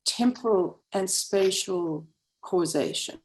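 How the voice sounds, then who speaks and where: A woman's voice: medium pitch, slow pace, low-quality recording. Woman on a glitching, breaking-up call. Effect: glitching, breaking-up video call audio. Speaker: therapist. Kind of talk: group discussion on a video call. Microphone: video call.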